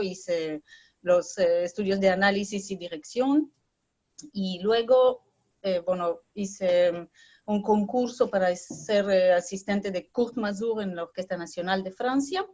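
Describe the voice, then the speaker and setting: A woman orchestra conductor in her forties, from Brazil, Israel and Argentina, speaks in a halting, thoughtful way, with slips of French. Her pitch is ordinary. The sound is dull and lo-fi, like remote call audio. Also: darkish tone. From born in Brazil, raised in Israel and Argentina. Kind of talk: remote interview.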